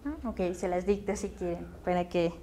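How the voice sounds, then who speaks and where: A woman's voice: lowish voice, normal speed, warm tone, a little hiss or hum. A woman teacher with a Mexican Spanish accent lecturing a class in a classroom, patient and checking understanding with questions.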